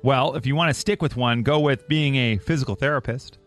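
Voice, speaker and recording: A man's voice: medium pitch, a little fast, soft background music. A man hosting a radio morning show from the studio, chatting casually with callers and reading listener texts aloud in an upbeat way. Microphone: studio microphone.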